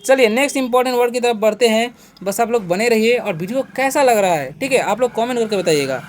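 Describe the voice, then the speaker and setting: A man hosting a beginner English lesson. He spells words out letter by letter, keeps asking and then answering his own questions, and fills the pauses with a checking "okay". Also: very high-pitched, lively intonation, a little hiss or hum. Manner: patient, repetitive teaching; asks rhetorical questions and then answers them. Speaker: English teacher, channel host.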